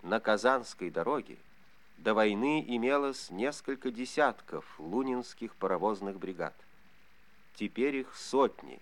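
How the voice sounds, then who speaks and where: A man's voice: lowish voice, expressive, a little slow. A man reading scripted wartime bulletins as an announcer, formal and solemn.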